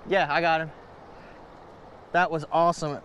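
Excited man by a rushing river. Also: fairly high pitch, muffled recording. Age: young adult. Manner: excited, repeats exclamations, talks to viewers as guys. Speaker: fishing vlogger. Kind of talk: casual outdoor fishing vlog. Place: riverbank outdoors. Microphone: on-camera mic and head-mounted camera. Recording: rushing river noise outdoors.

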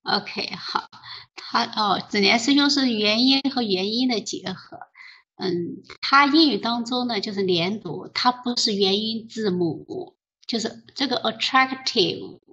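A woman's voice: on the high side, a little slow, pushed and bright, dull audio, slight background noise. A woman leading an online study group, explaining pronunciation patiently with many fillers over a voice call.

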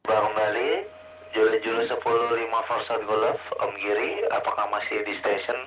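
A man's voice: on the low side, steady tone, normal speed. A man who operates an amateur radio, chatting in clipped call-sign codes and signing off each turn with "over", heard through a two-way radio transmission. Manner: clipped, ends turns with "over". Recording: hissy radio transmission, sometimes distant.

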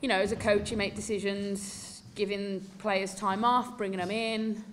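An English woman in her thirties, a football coach, gives post-match press conference answers at a desk mic in an indoor press room before a sponsor backdrop. She answers candidly and emphatically, with many fillers. Her mid-range voice keeps a level tone at normal speed, with slight background noise.

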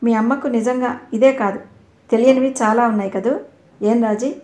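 A woman's voice: fairly high pitch, fairly even intonation, moderate pace, dark tone, roomy sound, natural voice. A woman voicing a stern, sarcastic male tutor in an audio novel, probing with pointed questions.

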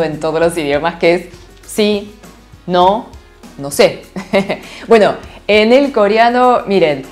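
A woman teaching a lively online Korean lesson, laughing often and checking in with her students. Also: lowish voice. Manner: animated, laughs often, asks "¿sí?" constantly.

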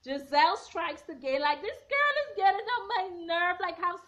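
The dull, lo-fi webcam audio catches a very high-pitched, slightly hoarse young woman in her twenties talking at a moderate pace. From her bedroom, front camera at arm's length, she delivers a sassy, blunt, opinionated reality show recap with animated hand movements.

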